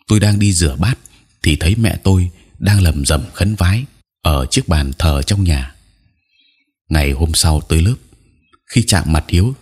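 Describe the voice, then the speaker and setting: A man narrating a scripted spooky story in a steady, measured way. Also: low voice, breathy edge.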